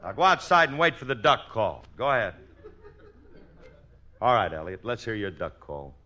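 A man's voice: lowish voice, very animated, moderate pace, bright, forceful tone, muffled recording. A man playing a bossy, scheming husband in an old-time radio comedy, with an insistent, blustering and wheedling delivery. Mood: bossy, exasperated. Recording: noisy old radio recording.

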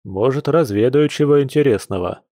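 A man voicing a relaxed, easygoing bear-shifter grandson in a fantasy audiobook, mumbling and grumbling a little. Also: mid-range voice, normal speed, no echo, studio quality, natural voice.

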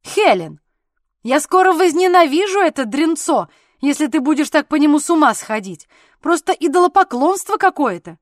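A woman's voice: sits high, normal speed, no echo, clean studio sound, close to an everyday voice. A woman voicing a jealous, sulky young husband. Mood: angry complaining. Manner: loud, sulky and exasperated. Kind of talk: audiobook character voicing.

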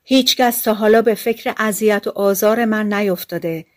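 A woman's voice: medium pitch, lightly acted. A woman voicing a proud stork in a storybook, earnestly asking to be spared. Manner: earnest, persuasive. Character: proud sacred stork, gently dignified.

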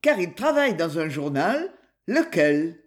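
A blunt male police inspector presses his questions, as an audiobook reader voices him. Slow, measured delivery with animated pitch. Storybook crime reading. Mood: probing. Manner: blunt, interrogating.

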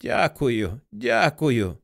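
A man voicing a dying old woman after a stroke, who talks in a hoarse, halting, pleading way. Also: medium pitch, sing-song, full character voice. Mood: whispering.

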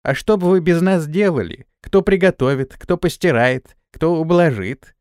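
A man voicing a sharp-tongued scolding maidservant. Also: on the high side, normal speed, smooth, no room sound, studio quality, pitched above the performer's own voice, natural voice. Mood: lecturing. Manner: scolding, preachy. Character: sharp-tongued blunt female servant.

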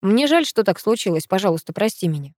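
A woman reading the part of a remorseful grown male professor, speaking low, calm and earnest in an audiobook. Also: fast talker, no room sound, clean studio sound.

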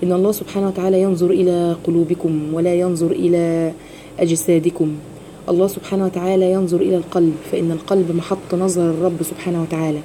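A woman with an Egyptian accent teaching a religious lesson on Quran recitation, explaining step by step with rhetorical questions and slowly demonstrating each phrase. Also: lowish voice, little pitch movement, dark tone, slight background noise. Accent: Egyptian Arabic.

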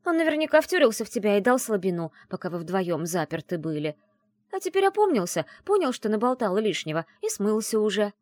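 A woman reading an audiobook and voicing a brash, teasing young woman who is the heroine's best friend, talking in a loud, mocking, bossy way. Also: mid-range voice, sing-song, a little fast, dry recording, studio quality, pitched above the performer's own voice, natural voice.

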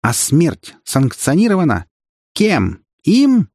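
A man voicing a grief-stricken mother who screams accusations in a shrill, squealing voice. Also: huge pitch swings, takes it slowly, a little mellow, no echo, clean studio sound, heavily acted. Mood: defiant. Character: grieving mother, shrieking accusations, middle-aged.

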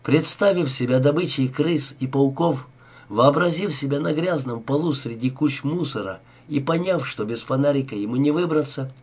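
A man reading a crime story aloud as narrator in a steady, even manner. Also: medium pitch, normal speed, slightly rough. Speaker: audiobook narrator. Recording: dull lo-fi recording.

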